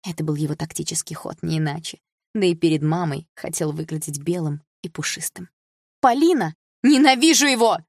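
Husky, lower-pitched woman narrator, first-person audiobook read, dry studio sound. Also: little pitch movement, fairly quick, warm tone, no room sound.

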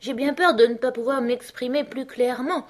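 A woman's voice: high-pitched, normal speed, voice pushed up. A woman voicing a timid, polite young girl who talks hesitantly in an audiobook. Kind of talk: audiobook character reading.

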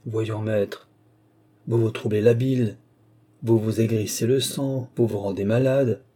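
A man voicing a composed male sorcerer who answers softly and patiently. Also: lowish voice, unhurried, breathy edge. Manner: calm, soft, even-tempered replies.

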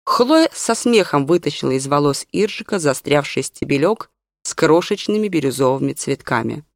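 An audiobook narrator reading a story in calm, even storytelling. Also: medium pitch, moderate pace, no room sound, clean studio sound. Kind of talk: scripted narration.

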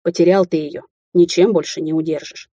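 A blunt, bossy older man delivers a coarse lecture, as a woman reads him in a storybook. The voice is husky, low and dark, recorded dry and close. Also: steady tone, fairly quick, dry recording. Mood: lecturing. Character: gruff older Russian man, blunt taxi driver.

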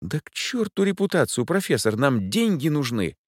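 An excitable young man, played by a male narrator, frets and blurts in a raised, lively pitch. His manner is anxious and eager. The sound is dry and close. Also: moderate pace, no echo, natural voice. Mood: agitated. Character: young male student assistant, jumpy and money-minded.

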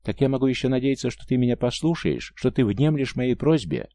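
A man's voice: mid-range voice, expressive, fairly quick, warm tone, no room sound, pitched above the performer's own voice, lightly acted. A man voicing a lovesick, desperate young man in an audiobook, pleading.

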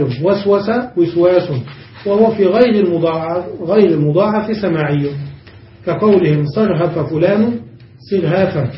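A man's voice: high-pitched, a little hiss or hum. A man teaching a grammar class as a sheikh, explaining each rule step by step and checking that his students follow. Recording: dull, echoey room, distant mic.

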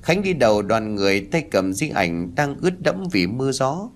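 A man's voice: medium pitch, big pitch swings, moderate pace. A man reading a ghost story aloud in a dramatic scripted narration.

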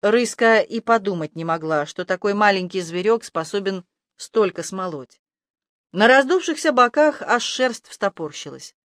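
An audiobook narrator reading a fantasy story in an even storytelling delivery. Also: mid-range voice, a little slow, no echo, studio quality.

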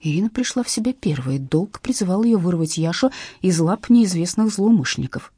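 A woman narrating a comic story in a low, dark, slightly husky voice that rises and falls with lively expression. The recording is close and dry. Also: fairly quick, no room sound. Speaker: audiobook narrator. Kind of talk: expressive audiobook reading.

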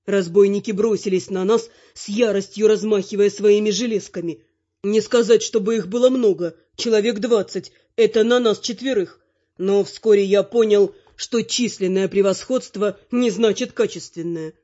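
A woman narrating a fantasy audiobook with even, expressive storytelling. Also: mid-range voice, moderate pace, dull audio.

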